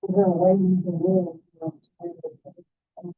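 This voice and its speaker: A meeting participant asking questions in a halting way, heard through tinny video call audio. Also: medium pitch, flat delivery.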